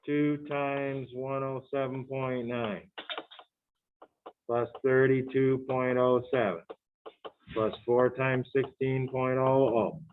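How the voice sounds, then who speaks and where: A man's voice: mid-range voice, flat delivery, takes it slowly, a little hiss or hum. Tinny-sounding chatty male chemistry teacher. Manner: chatty, thinks aloud, quizzes students. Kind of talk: classroom lecture working problems. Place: classroom. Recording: tinny phone-like classroom recording.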